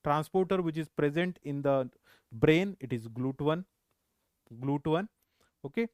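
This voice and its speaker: Man, lecturer, Hindi-mix, slightly high voice, slow unhurried delivery, repeats key points. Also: darkish tone, smooth, no room sound, clean studio sound. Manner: asks and answers his own questions. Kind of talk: recorded medical lecture.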